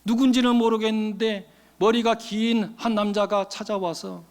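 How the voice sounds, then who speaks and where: A man's voice: sits high, steady tone, normal speed, smooth, in a large hall. A male pastor preaching a storytelling sermon, asking the congregation questions and answering them himself. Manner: storytelling sermon, acting out quoted voices. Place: church sanctuary.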